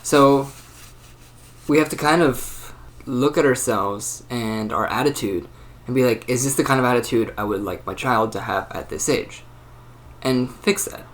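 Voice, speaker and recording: Young man, early twenties, hosting his own channel; musing unscripted monologue, halting and reflective, average pitch. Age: 20s. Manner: rambling and thoughtful, many fillers and restarts. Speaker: channel host. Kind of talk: casual solo monologue.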